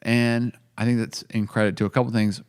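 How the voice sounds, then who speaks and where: A man's voice: on the low side, flat delivery, very fast, a little mellow. A man co-hosting a casual business podcast, rambling on and acting out bits of quoted dialogue. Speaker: coffee company co-owner, podcast host.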